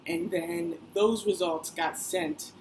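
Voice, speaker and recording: In a casual personal vlog, a young woman chats and rambles, full of fillers and side remarks. Her voice is fairly low and darkish, and she takes her time. The recording is rough, with faint background noise.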